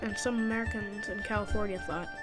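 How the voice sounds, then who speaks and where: A woman's voice: mid-range voice, fairly even intonation, fast. Jokey woman narrating history. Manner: jokey, sarcastic asides. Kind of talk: casual scripted narration. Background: background music.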